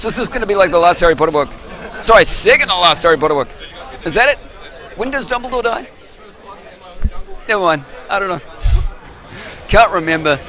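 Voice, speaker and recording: High, bright-voiced excitable esports caster man. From New Zealand. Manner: excitable, rambling, self-interrupting. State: losing his voice. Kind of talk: live esports commentary. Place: live event venue with audience.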